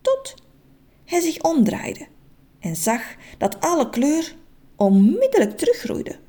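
A woman narrating a children's story in an expressive, playful, suspenseful way. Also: sits high, slow pace.

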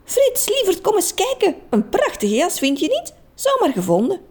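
A woman voicing an excitable woman in a storybook who is proud of her new dress, talking in high exclamations. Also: racing, exaggerated voice. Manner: high, exclaiming, breathless delight.

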